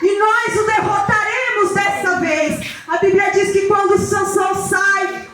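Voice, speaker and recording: A woman preaching a sermon in a sing-song cadence, breaking into shouted emphasis. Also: very high voice. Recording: echoey room with faint music.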